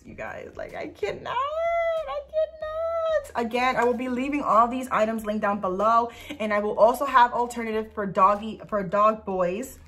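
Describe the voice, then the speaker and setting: A young woman's voice, on the high side, sounds pushed and bright as she chats casually in a vlog. She's presenting dog clothes, gushing and sometimes cooing in this informal product review.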